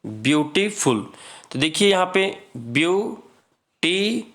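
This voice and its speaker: A man teaching English grammar in a lesson, reading rules slowly and explaining them with many repetitions. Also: a little high, a bit bright. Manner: reads English rules slowly, then explains, repeating "ठीक है".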